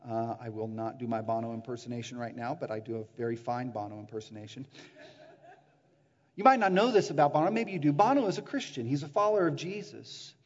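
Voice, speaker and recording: A man preaching a sermon as a pastor, animated, acting out the voices of the people he quotes. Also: medium pitch, quick pace. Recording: dull sound with long hall reverb.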